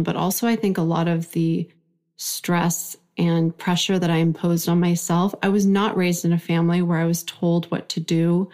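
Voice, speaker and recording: A woman in her forties from Iran, whose first language is Farsi, reflectively tells her life story as a guest in a conversational interview. Her voice is fairly low in pitch and a little mellow.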